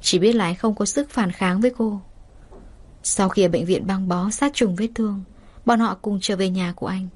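A woman reading a romance novel aloud as an audiobook narrator, in a steady, even storytelling manner. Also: medium pitch, moderate pace, husky.

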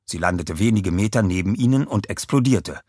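Husky male audiobook narrator. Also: on the low side, expressive, a little fast, a little mellow, no room sound, studio quality.

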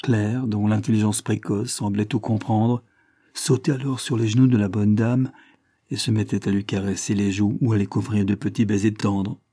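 A man narrating a classic short story in a measured, even audiobook reading. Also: lowish voice, no echo, clean studio sound.

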